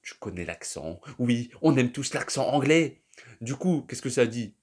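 A man's voice: mid-range voice, big pitch swings, unhurried, a little mellow, husky. A young man, talking casually and at length to his viewers in a loose, slangy monologue that often trails off. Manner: slangy, rambling, addresses the listener as "tu". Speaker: vlogger.

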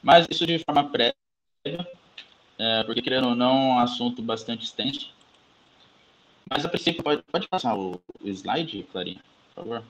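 A man's voice: medium pitch, lively intonation, moderate pace, long pauses, fairly bright tone, a little hiss or hum, poor audio. Man on a glitching, cutting-out call. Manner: hesitant, with fillers and restarts. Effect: choppy audio cutting out from a bad connection. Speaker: presenter at an online academic colloquium. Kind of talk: informal academic presentation. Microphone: video call.

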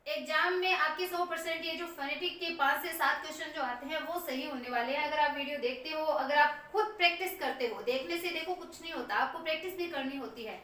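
A woman teaching English phonetics in Hindi, slowly sounding out words syllable by syllable as she writes. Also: high voice, pushed and bright. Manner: slow, repeats words aloud syllable by syllable while writing. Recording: echoey room heard from a distance.

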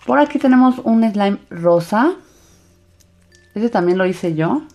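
A woman's voice: mid-range voice, animated, slow pace, warm tone. A woman narrating a hands-on craft video for children in an enthusiastic, sing-song way. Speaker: host of a slime craft channel. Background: background music.

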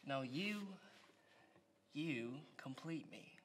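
A man in his twenties playing an unhinged, taunting criminal clown in a theatrical, drawn-out film monologue. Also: mid-range voice, lively intonation, fairly bright tone, a little hiss or hum. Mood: amused, manic. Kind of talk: film drama monologue acting.

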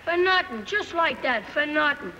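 A man's voice: very high voice, lively intonation, moderate pace, bright, forceful tone, slight background noise, exaggerated voice. A young male actor playing a scrappy teenage slum boy with a New York accent in 1930s film style. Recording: muffled old film soundtrack.

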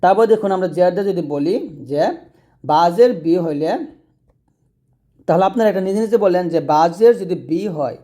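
Male Quran reading teacher, mellow and warm, talks viewers through each step and slows to spell out sounds. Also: high voice. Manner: explains step by step, asks and answers own questions, slows to spell out sounds. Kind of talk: spoken lesson to viewers.

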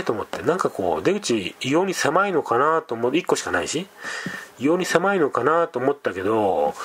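A man's voice: medium pitch, fairly bright tone, breathy edge. A man telling a scary story in a casual, rambling way, with conversational asides. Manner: rambling, many fillers and restarts, conversational asides.

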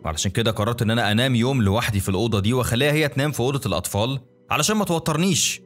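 Fast-talking Egyptian male storyteller. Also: medium pitch, soft background music. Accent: Egyptian Arabic. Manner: rapid, colloquial, conversational. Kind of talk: dramatic first-person story narration.

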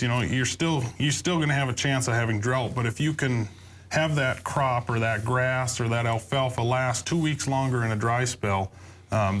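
A man in his thirties with an American accent, explaining haltingly as a crop adviser on a panel. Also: mid-range voice, fairly bright tone. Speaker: crop adviser, sales manager. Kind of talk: informal expert panel talk. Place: TV studio panel desk.

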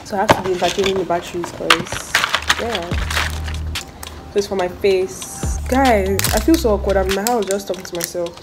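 A woman's voice: medium pitch, steady tone, a little fast, over loud music. A woman chatting bluntly while unboxing things at home, swearing casually. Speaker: vlogger.

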